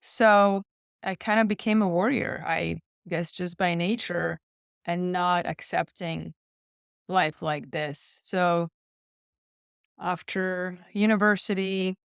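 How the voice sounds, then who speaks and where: A woman's voice: fairly low pitch, fairly even intonation, slow pace, gravelly, clear, resonant tone, no room sound, clean studio sound. A woman from Slovakia, a podcast guest telling her personal story in an earnest, reflective way. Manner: earnest, reflective, repeats words while thinking. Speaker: guest, nutritionist and pharmacist.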